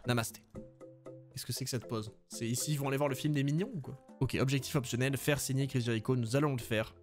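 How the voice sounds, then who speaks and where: A man giving casual, joking gameplay commentary, animated and quick to swear, with faint game music behind him. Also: medium pitch. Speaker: let's play host.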